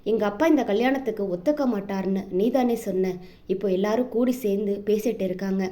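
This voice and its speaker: A woman's voice: mid-range voice, a little fast, warm tone, lightly acted. A woman reading a frightened young heroine. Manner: anxious, pleading.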